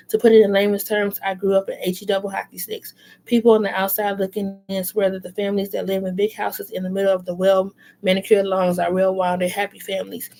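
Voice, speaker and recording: A woman's voice: medium pitch, vocal fry, a little mellow, close to an everyday voice. A woman voicing a hardened female inmate near forty, with a Baltimore accent, sly and taunting. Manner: sly, taunting, then resigned.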